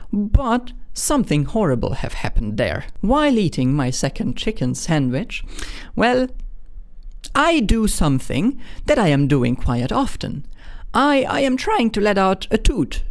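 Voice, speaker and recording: A man's voice: high voice, big pitch swings, measured pace. A young man in his twenties from Hungary with a Hungarian accent, telling an embarrassing personal story in a candid, self-mocking way with frequent restarts. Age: 20s. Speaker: vlogger.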